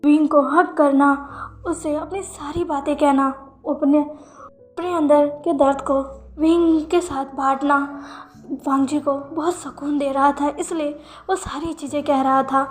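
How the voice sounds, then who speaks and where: A woman narrates her own story in a high voice, slow and gentle. She speaks as a channel host reading to her listeners. The pace stays calm through the recap and scenes. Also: soft background music.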